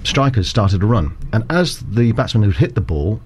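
A man working as a cricket umpire, explaining rules in a measured, formal way as an interview guest. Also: lowish voice, very animated, a little mellow, slightly rough. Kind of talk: conversational interview.

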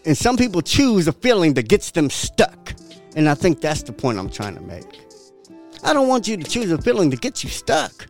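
Animated man preaching with swears. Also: high-pitched, normal speed, soft background music. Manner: profane, emphatic, repetitive preaching; animated, laughs often. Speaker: podcast host. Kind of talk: motivational podcast monologue.

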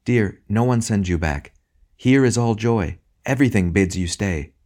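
A man voicing a joyful, loving lady spirit in an audiobook, gentle and earnest with a teasing touch. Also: fairly low pitch, normal speed, pitched above the performer's own voice, lightly acted. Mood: pleading. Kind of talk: audiobook character acting.

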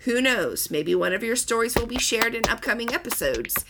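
A woman's voice: on the high side, animated, normal speed, background noise. Woman podcast host, conversational explainer. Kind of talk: casual explanatory podcast talk.

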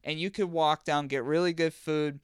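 A man with a fairly high, exceptionally clean, smooth voice. He banters casually like a podcast co-host, profane and joking, in a dry recording with no room sound. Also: fairly even intonation, normal speed, no room sound. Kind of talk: casual banter, riffing on classified ads.

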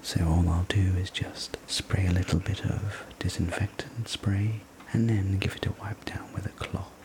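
A man telling a sleep story as a whispered role-play, gentle, soothing and unhurried, speaking as a server looking after a guest. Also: low voice, fairly even intonation. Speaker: sleep story narrator playing a night-shift diner server.

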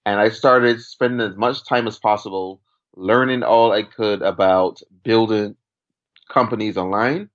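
Low-voiced man from Barbados, lo-fi audio. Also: fairly bright tone. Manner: measured, explains with step-by-step examples. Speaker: podcast guest, entrepreneur. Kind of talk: conversational interview. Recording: dull lo-fi audio.

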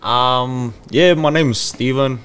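A man's voice: mid-range voice, takes it slowly, a bit bright, clean tone. A man in his twenties from Samoa, a podcast guest chatting in a laid-back, easygoing way. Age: 20s. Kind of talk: casual chat.

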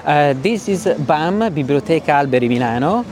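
A man with an Italian accent answers interview questions in a halting, searching way. He is recorded outdoors in the city, with faint traffic noise around him. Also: fairly high pitch, animated, a little mellow. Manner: hesitant, halting delivery. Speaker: sustainability officer being interviewed.

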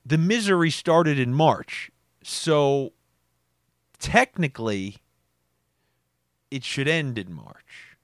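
A man talks through his weekly podcast in a casual, wry monologue. He drops sarcastic asides and leaps up in pitch to make a point. The sound is dry with no room echo. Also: expressive, takes it slowly, pauses often. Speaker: podcast host.

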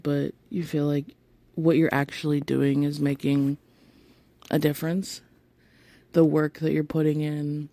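On a rambling solo podcast recorded on a phone held close, a woman speaks in a deep, raspy, warm voice. She sounds tired but stays chatty and playfully flirty, apologizing over and over.

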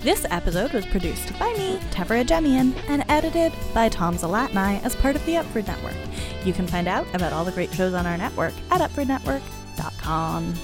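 A woman's voice: mid-range voice, sing-song, brisk, over music. A woman co-hosting a podcast in casual book chat, chatty with lots of fillers and giggles. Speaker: podcast co-host.

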